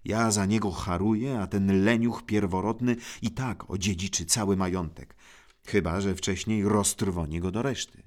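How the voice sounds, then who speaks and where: A man's voice: lowish voice, steady tone, moderate pace, a little mellow, close to an everyday voice. A man reading aloud, voicing an indignant, resentful younger brother who complains about his sibling.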